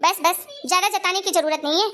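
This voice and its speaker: A woman voicing a sharp-tongued grandmother and mother-in-law in a cartoon story, bossy and taunting. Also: very high voice, a little fast. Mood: scolding.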